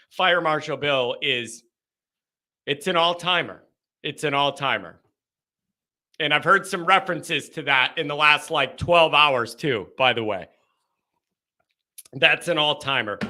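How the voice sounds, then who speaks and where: A young man hosting a live sports call-in stream, ranting casually with animated, exasperated mock outrage. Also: on the high side. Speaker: host of a sports call-in show.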